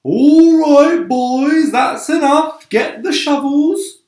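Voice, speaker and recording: A man's voice: extremely high pitch, very slow, pitched above the performer's own voice, full character voice. A man voicing a wispy, bossy cloud creature from a storybook, calling out commandingly. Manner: shouting, commanding. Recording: echoey room.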